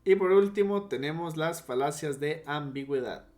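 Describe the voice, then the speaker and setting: A man's voice: fairly high pitch, a little mellow, faint music behind. Man teaching logic in a casual lecture. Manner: explanatory, pauses to restate and correct himself.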